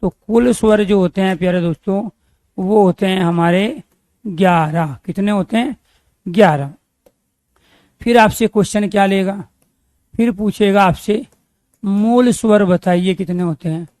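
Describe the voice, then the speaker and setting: High-voiced man drilling a grammar lesson. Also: measured pace, pauses often, a little mellow, dry recording, clean studio sound. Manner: asks students questions and answers them himself; repeats key terms for drilling. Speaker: teacher.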